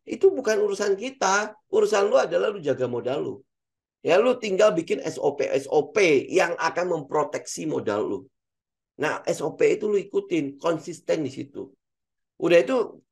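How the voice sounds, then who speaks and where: A middle-aged man talks through trading in a blunt, lecturing way, with a Jakarta slang accent. His voice sits a little high and has a rough, gravelly edge. He stays animated and direct as he explains. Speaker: trading educator. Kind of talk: casual market commentary.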